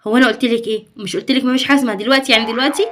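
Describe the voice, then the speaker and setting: A young woman with an Egyptian accent playing a worried, devoted mother in a home-made family sketch, speaking in a hushed, reassuring way. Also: on the high side, fairly even intonation, rapid-fire, a little hiss or hum, lightly acted. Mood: firm. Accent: Egyptian Arabic.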